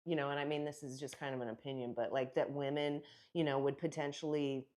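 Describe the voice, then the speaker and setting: A woman conducts an interview with a notably deep voice for a woman. She probes gently and hesitantly, circling and restarting her questions before landing them. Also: level tone, fast.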